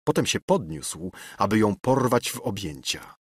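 A man narrating a classic novel in an expressive, dramatic reading. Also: lowish voice, a little slow, husky, dry recording. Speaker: audiobook narrator.

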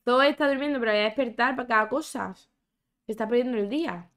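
A woman's voice: a little high, quick pace, fairly bright tone. A young woman giving chatty, exclamatory commentary as she plays a life-sim game, talking to her characters and her viewers. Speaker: gaming YouTuber. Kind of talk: casual gameplay commentary.

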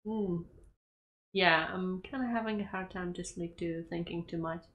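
A woman's voice: on the low side, steady tone, normal speed, dull audio. A young woman in a small bedroom giving casual reaction commentary to an anime episode, giggling and talking back at the screen.

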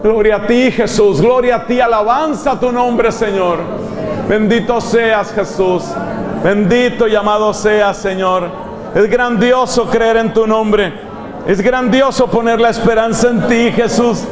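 A man leading a retreat in impassioned spoken prayer, repeating calls of praise and at times rising to shouts. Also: extremely high pitch. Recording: echoey hall with music and crowd.

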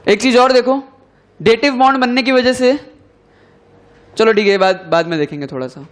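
A young man teaching chemistry in a classroom lecture. He dictates slowly, repeats phrases for students to write down, and drops his pitch at the end of key terms.

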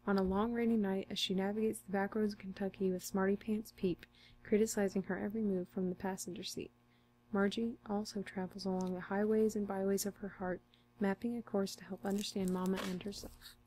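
A young woman in an ASMR role-play as a friendly, helpful librarian, speaking in a soft, intimate library soft voice. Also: medium pitch, level tone, a little fast, slight background noise, low-quality recording. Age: young adult. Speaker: ASMR performer playing a librarian. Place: small curtained room indoors.

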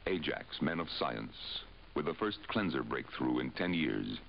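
A very deep, gravelly man delivers a 1950s TV commercial voice-over with an emphatic salesman's push. His pitch swings widely, and the sound is dull vintage broadcast audio. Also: big pitch swings, normal speed, slight background noise. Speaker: commercial announcer.

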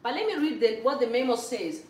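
A woman in her thirties from Zimbabwe holds forth in her kitchen, her lively voice swinging high and low as she preaches and repeats her points for emphasis. The camera sits a few steps away, so the voice comes across distant and echoey off the hard kitchen surfaces. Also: brisk, slight background noise. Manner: animated, preachy, storytelling with emphatic repetition. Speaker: political commentary host. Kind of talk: casual political commentary vlog. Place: home kitchen, indoors. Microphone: far camera.

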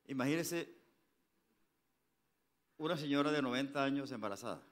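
A man preaching a sermon as pastor, mixing jokey storytelling with loud, fervent calls to the congregation. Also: mid-range voice. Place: church sanctuary.

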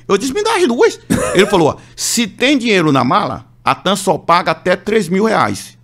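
A man's voice: high voice, moderate pace. A man from Brazil, a pastor, telling a testimony on a radio show and acting out the voices of the people in his story. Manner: animated, acts out voices of others in the story.

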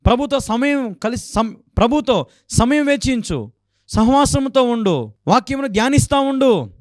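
A man's voice: extremely high pitch, lively intonation, moderate pace, dry recording, clean studio sound. A man preaching a sermon as a pastor, exhorting his listeners with repeated rhetorical questions.

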